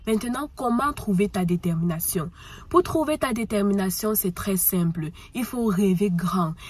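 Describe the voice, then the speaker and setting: Her medium-pitched voice has a breathy edge on a dry recording. Suffering from a cold, she delivers an earnest, repetitive pep talk directly to the listener, using tu.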